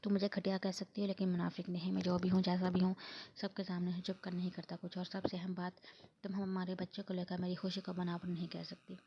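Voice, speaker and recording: A woman narrator voicing a brooding young man, the devoted hero of a romance novel, in a flat, low, gravelly delivery. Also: fast, slight background noise, natural voice. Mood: stern. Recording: dull lo-fi recording.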